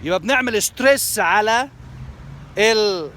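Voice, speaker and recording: At a normal speed, an Egyptian man with an Egyptian Arabic accent gives a lesson promo on language skills, explaining terms and repeating them in Arabic and English. His voice sits high, expressive and fairly bright, with slight background noise.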